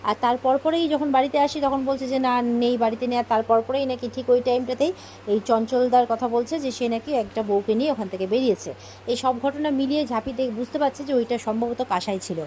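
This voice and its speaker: Lady zipping through a serial recap, soft mellow tone, bit of faint hiss. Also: on the high side, rough recording. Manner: brisk retelling, voicing characters' quoted lines. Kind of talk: casual retelling of a TV serial episode.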